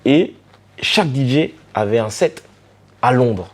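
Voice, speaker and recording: A man from the French Caribbean, a DJ and artist telling stories in a relaxed interview, with many fillers and restarts. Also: mid-range voice, unhurried. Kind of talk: casual storytelling interview.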